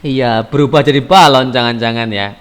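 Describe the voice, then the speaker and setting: A man's voice: mid-range voice, moderate pace, fairly bright tone, in a large hall. A man teaching a primary school class online in speech, patiently asking questions and repeating the pupils' answers.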